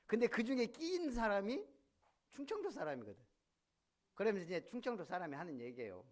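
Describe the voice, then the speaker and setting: A man's voice: sits high, a little fast. A male pastor preaching a sermon, often putting questions to the congregation. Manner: animated, asks the congregation questions. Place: church sanctuary.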